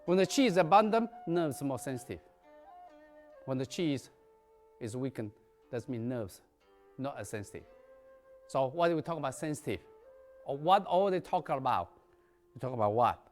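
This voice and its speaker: Animated man teaching qigong in broken English. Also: mid-range voice, moderate pace, pauses often, faint music behind. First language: Chinese. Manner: emphatic, non-native English with dropped articles and verbs. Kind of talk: lecture.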